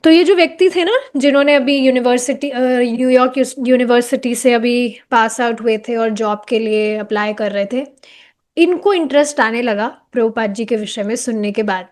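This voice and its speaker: A woman's voice: on the high side, moderate pace, a little mellow. A woman explaining a devotional book to a class in a conversational way, slipping in English phrases and asking her listeners rhetorical questions.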